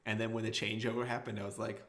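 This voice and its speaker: A man co-hosting a podcast, chatting casually in a hesitant, halting way with short answers. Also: fairly low pitch, little pitch movement, a bit bright. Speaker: podcast co-host. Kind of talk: casual chat.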